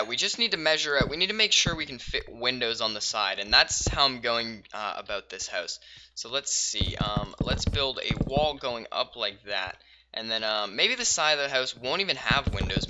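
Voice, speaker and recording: With a medium-pitched voice, this male gaming YouTuber talks through his in-game building in a laid-back let's-play, musing aloud with plenty of fillers and pauses and the occasional excited outburst. The recording sounds muffled against a noisy background.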